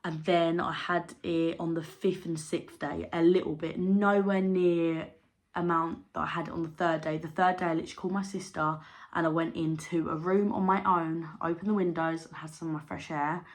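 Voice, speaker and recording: A woman's voice: on the low side, fairly even intonation, normal speed. Chatty young woman vlogger. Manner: chatty, candid, rambling with fillers. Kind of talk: casual chat to camera.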